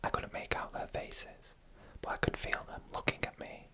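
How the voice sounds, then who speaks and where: Short phrases and pauses shape this slow, deliberate reading of a scary story, whispered softly in unvoiced ASMR fashion.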